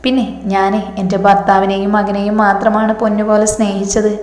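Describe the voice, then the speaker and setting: A woman's voice: medium pitch, completely flat delivery, a little fast, darkish tone, reverberant, big-room sound, a little hiss or hum, lightly acted. A woman voicing a bitter, vengeful middle-aged mother who talks with scorn and grief, in a storybook reading. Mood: scornful grief.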